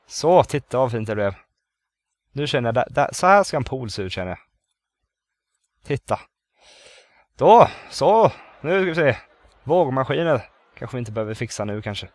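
A man's voice: mid-range voice, pauses often, no room sound. A man chatting casually through his gameplay, thinking aloud and counting under his breath as he builds. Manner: bursts into loud excited exclamations. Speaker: let's play gamer.

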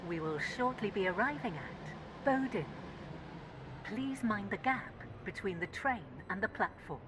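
A woman giving automated onboard train announcements made of spliced-together recorded words. Her delivery is steady and formal, with abrupt pitch jumps on station names. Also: unhurried, background noise. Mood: announcing.

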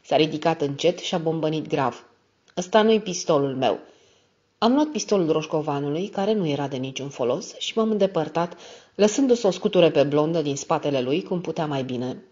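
A woman narrating an audiobook in a steady, even reading style. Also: low voice. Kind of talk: scripted narration. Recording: dull lo-fi audio.

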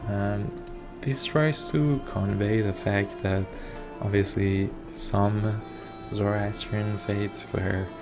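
A man speaks slowly and steadily at a fairly low pitch. Persian is his first language, and as a strategy game reviewer he gives unscripted commentary, hesitating often with ums and uhs. Music runs underneath.

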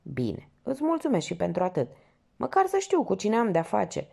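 A measured, probing police lieutenant, voiced by a woman reading a novel, asking steady questions in her own near-everyday voice. The tone is warm and slightly gravelly. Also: medium pitch, voice pushed up, full character voice.

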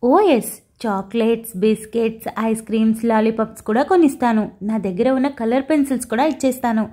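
A woman's voice: on the high side, fairly quick, mellow, lightly acted. A woman voicing a sweet, cheerful little boy in an audio story, in a lilting, coaxing way. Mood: pleading.

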